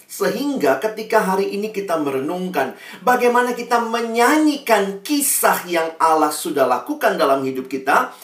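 A preacher giving a sermon to an online congregation, telling stories with lively delivery and speaking directly to the listeners. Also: mid-range voice. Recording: roomy sound, distant mic.

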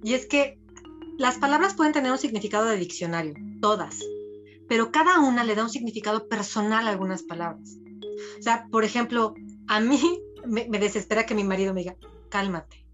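A woman's voice: a little high, fairly quick, highs cut off, faint music behind. A woman, talking as a podcast guest and acting out the voices of people she quotes. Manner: expressive, acts out quoted voices. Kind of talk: podcast conversation.

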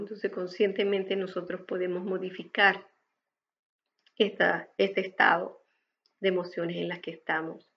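A woman meditation teacher giving an explanatory spoken lesson in a measured, deliberate way. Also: lowish voice, dull audio.

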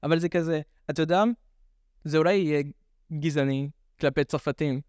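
A young man chats casually with a French accent, as a guest would on a podcast. His voice is on the higher side and very smooth, recorded close and dry. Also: fairly even intonation, a little mellow, no echo. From French immigrant raised in Netanya, Israel. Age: young adult. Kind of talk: casual chat.

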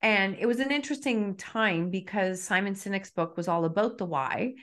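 A middle-aged woman talks openly about hard times in a relaxed podcast conversation. Her delivery is reflective and emphatic, with firm stress on key words and an unhurried, sincere tone. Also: medium pitch. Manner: reflective and emphatic, self-disclosing. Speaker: author and guest. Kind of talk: candid conversational podcast talk.

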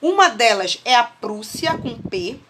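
High-voiced Brazilian woman teaching online. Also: sing-song, unhurried, a bit bright, slight background noise. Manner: homely family analogies, checks in with students often. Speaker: history teacher. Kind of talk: online class explanation. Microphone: video call.

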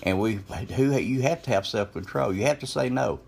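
A man's voice: mid-range voice, normal speed, creaky, a little mellow. A man giving informal Bible teaching, quoting verses and retelling scripture loosely with restarts and asides. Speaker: lay preacher.

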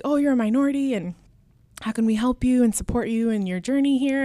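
A Spanish-speaking woman in her twenties from Alaska tells her story as an interview guest, earnest and reflective, with many fillers and restarts. Her voice is mid-range and a little mellow, with no room sound.

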